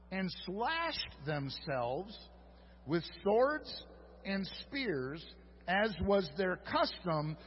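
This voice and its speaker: A pastor with a high-sitting voice preaches a sermon in a church sanctuary, retelling a story with humorous asides to the congregation. The audio is dull, with a long hall reverb and a little hiss or hum.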